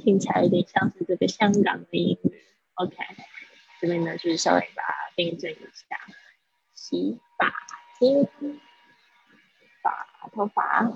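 A woman teaching English vocabulary on a livestream, explaining patiently and drilling pronunciation slowly. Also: lowish voice, vocal fry, breathy edge. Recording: dull, lo-fi livestream audio.

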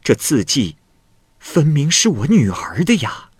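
A man's voice: a little high, huge pitch swings, measured pace, breathy edge, no room sound, studio quality, pitched above the performer's own voice, heavily acted. A man voicing a genial, worldly woman in her fifties who chuckles and pries as she talks. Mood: chatty. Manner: cheerful, chuckling, prying.

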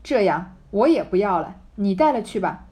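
A woman's voice: medium pitch, very animated, normal speed, mellow, lightly acted. A woman reading the lines of an elderly matriarch grandmother who teases and commands with a laugh. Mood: teasing.

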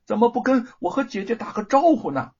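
A man voicing an anxious, caring young wife who speaks gently and with worry, in a dull lo-fi recording. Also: very high-pitched, very animated, fairly quick, slightly rough, voice pushed up, exaggerated voice. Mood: worried. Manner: worried, gentle.

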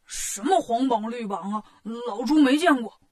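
A woman voicing a greedy, grumbling male pig monk in a storybook tale, with a whiny, indignant manner and a husky voice. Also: on the high side, expressive, normal speed, warm tone.

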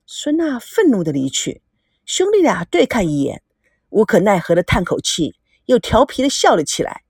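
A woman narrating a romantic storybook in a lively, expressive reading voice. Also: medium pitch, moderate pace, breathy edge, no room sound, studio quality. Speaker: audiobook narrator.

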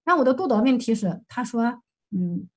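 Husky woman counselor rattling through a case report, bit high-pitched, lots of self-corrections. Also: sing-song, normal speed. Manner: hesitant, many fillers and self-corrections. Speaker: counselor presenting a case for supervision. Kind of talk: case report, recounting session dialogue.

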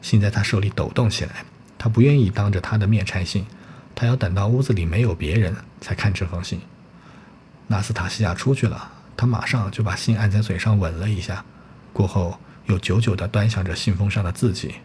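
A man reading a novel aloud as an audiobook narrator, steady with the odd slip of the tongue. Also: on the low side, slight background noise. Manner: steady storytelling with occasional slips.

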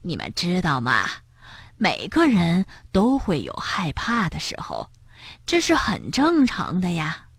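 Granny Bear: woman doing a soft gentle old bear granny. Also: wildly swooping pitch, unhurried, husky, dry recording, clean studio sound, heavily acted. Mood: soothing. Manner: soft, soothing, lowered voice. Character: kind old grandmother bear, gentle and calm.

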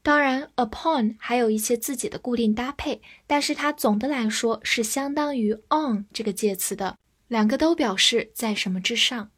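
A woman's voice: on the high side, slightly rough. A woman teaching English vocabulary in a scripted lesson, spelling each word out letter by letter. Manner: slow, spells words letter by letter.

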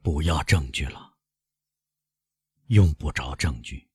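A man's voice: husky, no room sound, clean studio sound, full character voice. Man voicing a choked, broken prosecutor. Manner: low, choked, halting. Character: broken, trembling middle-aged male prosecutor.

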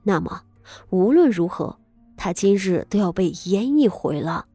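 A woman narrates a serialized story in a mellow, warm voice. Her reading is dramatic and expressive, with tense pauses. The sound is dry and close, with soft music underneath. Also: medium pitch, no echo. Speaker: audiobook narrator.

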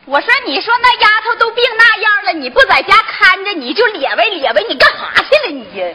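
An actress playing a loud, cursing older village aunt in northeastern folk opera dialogue, with a Northeast Chinese accent. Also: female voice, very high-pitched, big pitch swings, a little fast, crowd noise. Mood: nagging. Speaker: stage performer.

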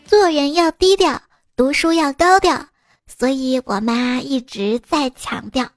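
A woman putting on a high, slow, sing-song voice to recite a short rhyme. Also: no room sound, faint music behind.

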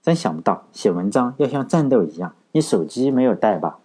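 A man voicing a shy young woman who admires a writer, speaking tenderly in a husky voice. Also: mid-range voice, very animated, fairly quick, mellow.

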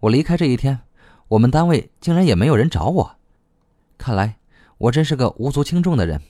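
A man's voice: medium pitch, expressive, a little fast, dark tone, no room sound, studio quality, voice pushed up, lightly acted. A man voicing a blunt, hot-tempered young woman in an audiobook, scolding and swearing. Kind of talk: audiobook reading.

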